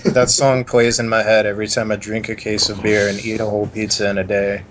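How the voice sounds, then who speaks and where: A man's voice: lowish voice, little pitch movement, a little fast, a crowd in the background. A man co-hosting a casual podcast, easygoing and laughing often. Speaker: podcast co-host. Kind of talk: casual chat.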